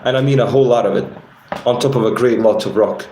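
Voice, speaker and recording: An easygoing carriage rider who jokes and takes his time, voiced by a man reading his novel. He speaks in a plain, relaxed voice, as in a storybook. The room sounds echoey, with a faint hiss. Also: mid-range voice, fast, close to an everyday voice. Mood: joking. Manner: joking, laid-back.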